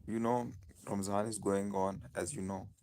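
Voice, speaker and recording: A man with a Pakistani accent speaking informally on a live stream, in halting, repetitive phrases. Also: lowish voice, steady tone, a little mellow, slight background noise.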